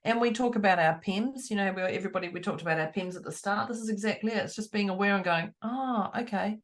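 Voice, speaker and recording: A woman's voice: medium pitch, quick pace. A woman co-hosting a motivational podcast, chatty and laughing easily, talking through the hiccups. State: has the hiccups. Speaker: podcast co-host. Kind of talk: casual motivational chat.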